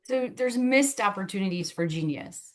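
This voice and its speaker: A woman with a mid-pitched voice chats casually as a host. She sounds amused and informal, talking as if among friends. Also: lively intonation. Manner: amused, quick to laugh. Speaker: talk show host. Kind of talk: casual chat.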